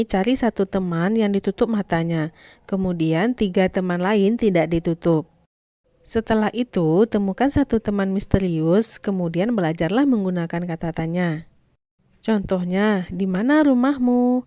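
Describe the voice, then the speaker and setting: A woman teacher, giving a scripted lesson to young children in a clear, instructive way. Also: medium pitch, dark tone, dry recording.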